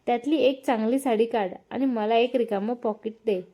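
A woman's voice: fairly high pitch, fairly even intonation, normal speed, natural voice. A woman voicing a firm, caring middle-aged uncle who scolds his wife in a family story read aloud. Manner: firm, scolding, rising to a shout.

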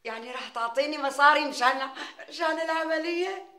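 A high-voiced, bright, wheedling neighbor woman with a Damascene Syrian accent. She wails, flatters and schemes in sitcom style. The sound is roomy, as on a TV studio set. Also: brisk. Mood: pleading. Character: scheming melodramatic middle-aged neighbor woman. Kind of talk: TV sitcom acting.

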